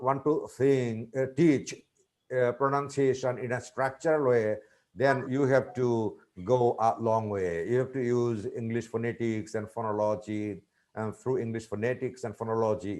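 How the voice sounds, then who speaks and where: A middle-aged man gives a teaching webinar over a video call, his voice at an ordinary pitch. He talks in a measured, teacherly way, pausing on fillers and repeating key points. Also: darkish tone. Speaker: guest speaker on teaching. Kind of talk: webinar answering questions.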